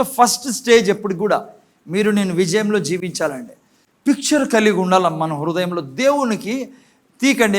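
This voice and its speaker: A pastor with a Telugu accent preaches to his church in a strikingly high voice. He keeps firing questions at the congregation and then answers them himself. Now and then he breaks into a loud, emphatic shout. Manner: mixes English phrases into his preaching. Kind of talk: sermon.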